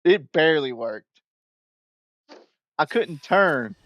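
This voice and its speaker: A man's voice: fairly high pitch, animated, takes it slowly, a bit bright. A man in a casual gaming voice chat, easygoing and joking, grumbling about how the match went. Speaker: gamer on stream. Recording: faint background noise.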